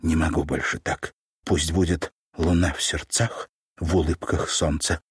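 A man's voice: a bass voice, flat delivery, measured pace, husky, no echo, clean studio sound, voice pushed down, exaggerated voice. A man voicing an anguished heartbroken young woman. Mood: quiet resigned. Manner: shouting in anguish, pleading. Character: heartbroken young woman, fierce then fragile. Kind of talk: audiobook reading.

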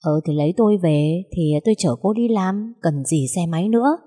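Storybook young male suitor, steady and teasing, read by a woman, husky lowish voice. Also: brisk, long reverb tail. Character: young man, calm, teasing, persistent suitor.

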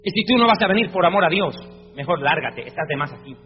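High-pitched male preacher, emphatic and questioning, reads scripture; reverberant dull recording with soft music underneath. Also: lively intonation, quick pace. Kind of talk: evangelical sermon.

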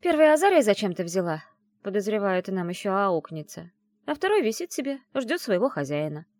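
A woman reading an audiobook and voicing a brash, teasing young woman who is the heroine's best friend, talking in a loud, mocking, bossy way. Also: medium pitch, sing-song, brisk, no room sound, clean studio sound, pitched above the performer's own voice, lightly acted.

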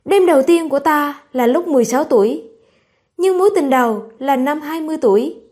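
A woman's voice: high-pitched, lively intonation, brisk, a little mellow. A woman voicing a blunt, proud young swordsman who brushes women off, in a storybook reading. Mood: dismissive. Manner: dismissive, blunt.

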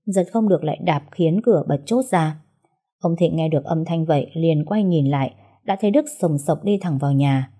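Brief: female story narrator, steady reading, dark husky tone. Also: low-pitched, normal speed. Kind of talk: scripted narration.

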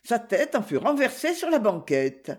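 An audiobook narrator reading a crime novel in a measured storytelling manner. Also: medium pitch, sing-song. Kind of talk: scripted narration.

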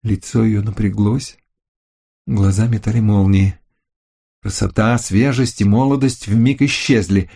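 A man with a husky voice narrating a first-person crime novel as an audiobook. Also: fairly low pitch, steady tone, a little slow, warm tone.

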